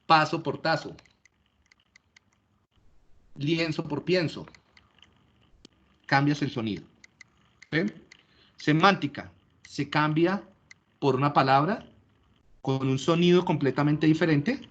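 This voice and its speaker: A man's voice: a little high, takes it slowly, long pauses, a bit bright, highs cut off. A man giving a classroom lecture, explaining step by step and often checking that listeners follow. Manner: explanatory, checks understanding with frequent rhetorical questions.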